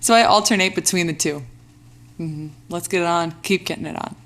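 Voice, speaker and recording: A woman recording artist chatting as a guest on a podcast, animated and playful, often laughing. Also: lowish voice, fairly quick. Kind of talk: casual podcast chat.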